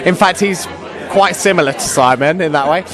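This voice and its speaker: A man's voice: a little high, brisk, crowd noise. A young British man, an actor, chatting casually and enthusiastically in an interview. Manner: enthusiastic, gushing. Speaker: pantomime actor and singer.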